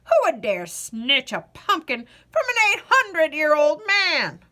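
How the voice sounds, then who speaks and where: A woman voicing a cranky, impatient eight-hundred-year-old man in a storybook, croaking and hollering indignantly. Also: high-pitched, very animated, measured pace, bright, forceful tone, voice pushed up, exaggerated voice. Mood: outraged.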